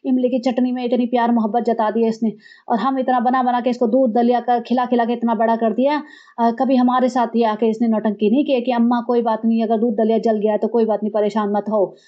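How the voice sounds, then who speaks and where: A woman imitating a grumbling older mother-in-law with a lowered, aggrieved voice, in a slightly muffled recording. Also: flat delivery, brisk, lightly acted. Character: grumbling older mother-in-law, complaining about her son.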